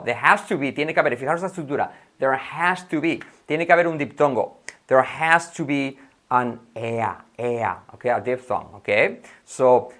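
A Spanish-accented man from Spain, his voice on the high side and a bit bright, teaches a casual English lesson. He switches between Spanish and English and repeats words as drills.

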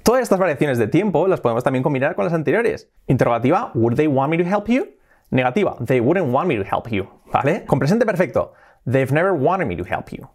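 Lively man teaching English. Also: on the high side, brisk. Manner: asks questions to learners and answers them himself; laughs briefly between examples. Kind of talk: language lesson.

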